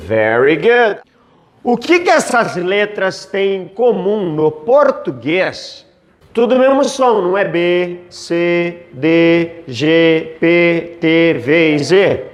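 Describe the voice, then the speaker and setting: A woman teaching a basic English lesson, slowly drilling letters and sounds for the listener to repeat. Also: lowish voice, animated. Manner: slow, drilling letters for repetition.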